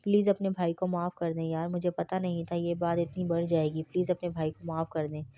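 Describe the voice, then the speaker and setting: A remorseful young man who begs to be forgiven, as a woman reading a novel voices him. The voice is low and flat. It is a storybook reading. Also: natural voice. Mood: apologetic. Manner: apologetic, pleading.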